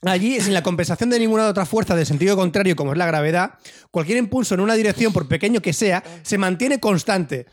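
High-voiced man lecturing mock-seriously. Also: fast. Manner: mock-scientific, deadpan lecturing. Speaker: podcast co-host. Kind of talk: comedic podcast banter.

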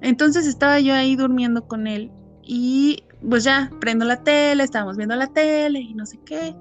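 A woman with a Mexican accent recounts eerie happenings in loose, everyday talk. Her voice sits a little high, and she fills pauses with small words and acts out the lines of the people in her story. Soft music plays faintly underneath. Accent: Mexican Spanish. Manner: animated, many fillers, acts out quotes. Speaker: guest telling ghost stories. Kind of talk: casual storytelling chat.

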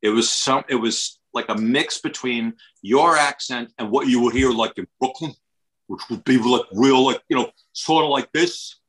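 A man's voice: medium pitch, normal speed, a bit bright, low-quality recording. A man with an American accent from New York state, chatting casually and rambling with lots of restarts. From Westchester, New York, USA. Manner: rambling, many restarts and fillers. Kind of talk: casual chat.

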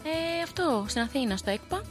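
A woman's voice: high-pitched, animated, soft background music. A young woman in her twenties, a guest on a radio show in a studio, chatting casually and teasing her friends. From Greece. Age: 20s. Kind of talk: casual chat.

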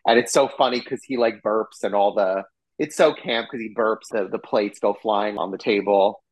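A man's voice: lowish voice, normal speed, low-quality recording. A man co-hosting a podcast, chatting casually and acting out scenes with lots of laughter. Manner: animated, acts out quotes, laughs often. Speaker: podcast co-host. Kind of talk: casual chat, recapping a TV episode.

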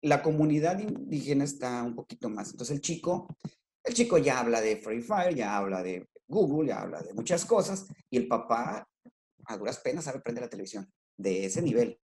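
A man's voice: mid-range voice, big pitch swings, moderate pace, a little mellow. A man with a Mexican Spanish accent, a schoolteacher explaining his work in a casual interview, talking with many fillers and restarts. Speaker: rural schoolteacher, guest.

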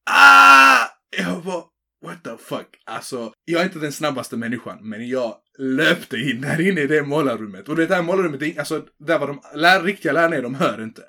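A man's voice: a little high, lively intonation, fairly bright tone. A young man in his twenties telling a story in casual chat, acting out quoted voices and throwing in English swear words.

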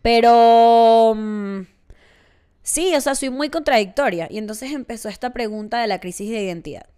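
Chatty young woman with a clear voice. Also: medium pitch, moderate pace. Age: 20s. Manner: chatty, self-mocking, acts out quoted voices. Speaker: podcast host. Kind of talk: casual solo monologue.

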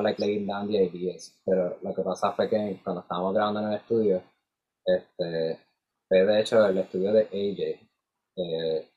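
Man, slightly low pitch, husky, casual Spanglish storytelling, filler-heavy, acted-out dialogue. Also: darkish tone, lo-fi sound. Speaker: musician in a band. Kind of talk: casual Spanglish storytelling, switching between Spanish and English.

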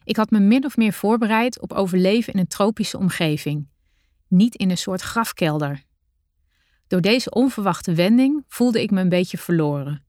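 A woman narrating her own adventure story in the first person, with a measured, deliberate reading style. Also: mid-range voice, expressive, a little mellow, no echo, studio quality.

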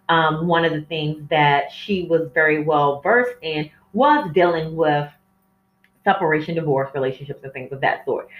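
A woman hosting a casual, candid solo podcast, rambling and easily sidetracked, heard from a distance on a phone microphone. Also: low voice. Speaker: podcast host. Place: indoor room with plants. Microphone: cell phone set away from her, distant. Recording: echoey room, distant phone mic, dull sound.

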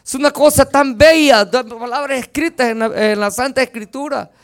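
Man, lay preacher, very high-pitched voice, fervent sermon, loud declarations and soft asides. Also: moderate pace. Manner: keeps addressing listeners as brothers. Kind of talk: evangelical sermon with personal testimony.

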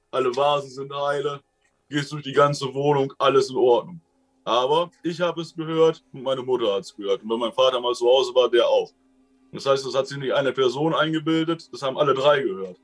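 A man in a casual interview, telling his own experiences in a rambling, colloquial way and often tagging sentences with a quick question. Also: medium pitch. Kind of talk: casual storytelling.

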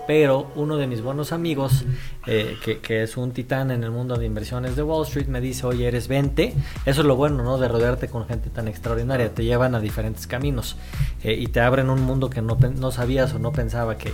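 A man from Israel, a guest author, telling stories in a casual interview with many fillers. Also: mid-range voice. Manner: animated storytelling with many fillers.

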